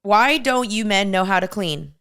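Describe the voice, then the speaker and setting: A young American woman speaks in a smooth, clear voice at a middling pitch. She gives dating advice in a confident, casual way, stressing her points bluntly and emphatically. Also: animated, moderate pace, fairly bright tone. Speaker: co-host giving dating advice.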